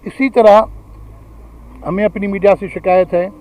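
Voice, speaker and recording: A middle-aged man giving an earnest, argumentative public lecture in a steady lecturing manner. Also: high-pitched, a little slow, muffled recording. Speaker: guest speaker.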